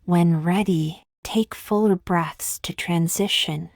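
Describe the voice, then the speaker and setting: Her voice slightly low and gravelly, a woman leads a guided meditation with gentle, slow, measured phrasing and long pauses between cues. The sound is dry and close to the mic, with no room sound.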